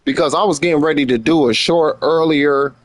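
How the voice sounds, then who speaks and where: With a fairly high-pitched voice and a brisk pace, an American man keeps up casual livestream commentary chat. He's a live streamer who talks in slang and repeats phrases to drive points home.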